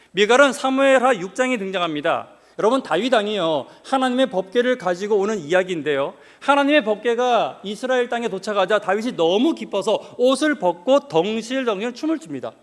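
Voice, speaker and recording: A male pastor delivers a sermon in a high, very animated voice that swoops up and down. He keeps firing questions and jokes at the congregation, and his voice rings with the long reverb of a church hall.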